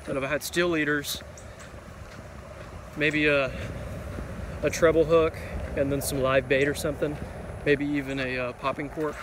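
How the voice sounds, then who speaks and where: A man's voice: fairly high pitch, normal speed, long pauses. A young man in his twenties filming himself on a phone while fishing by a creek, talking casually and rambling with lots of fillers. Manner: relaxed and rambling, many fillers. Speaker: fishing vlogger. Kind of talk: casual outdoor vlog. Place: outdoors by a creek under a highway overpass. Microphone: phone camera held at arm's length. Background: traffic and outdoor ambience.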